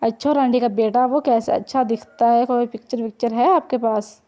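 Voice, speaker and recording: A woman voicing Rabab, a sharp-tongued, teasing young woman about to marry, in an audiobook reading. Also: on the high side, fairly even intonation, brisk, dull audio, natural voice. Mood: cheeky. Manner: cheeky, mocking.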